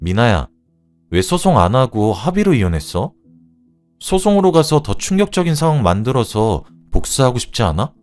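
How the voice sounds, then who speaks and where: A man voicing a loyal, outspoken young woman friend in a storybook drama. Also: on the low side. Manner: indignant and earnest.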